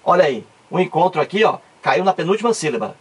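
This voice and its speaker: Quick-paced and very animated, a man with a slightly rough, somewhat high voice teaches grammar in the Cearense Brazilian Portuguese accent of his native Ceará. He drives points home through plenty of emphatic repetition.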